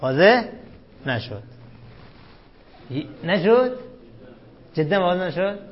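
Guy teaching a class, fairly high voice, keeps firing questions, muffled lo-fi sound. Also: sing-song. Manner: questioning students, repeating rules, emphatic. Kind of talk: classroom lecture on Arabic grammar. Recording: dull lo-fi classroom recording.

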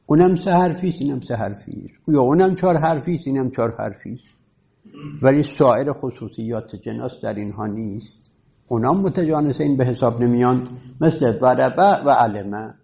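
Raspy male teacher lecturing a class, slow careful explaining. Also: medium pitch, warm tone. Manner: explains patiently, reads Arabic text slowly. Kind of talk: classroom lecture on Arabic rhetoric.

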